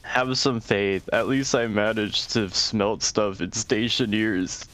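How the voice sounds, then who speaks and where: Low smooth-voiced joking man. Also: slow, a bit bright. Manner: joking, complaining, laid-back. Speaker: co-player. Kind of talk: casual chat while gaming.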